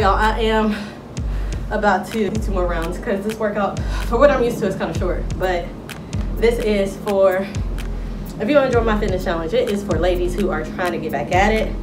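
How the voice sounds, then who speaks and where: A woman's voice: medium pitch, fairly quick, recorded from a distance. Young woman, chatty fitness vlogger, upbeat, roomy echo, music underneath. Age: young adult. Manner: upbeat, chatty, talks straight to camera. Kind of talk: casual vlog chat. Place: apartment living room, then car and kitchen. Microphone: phone camera at arm's length.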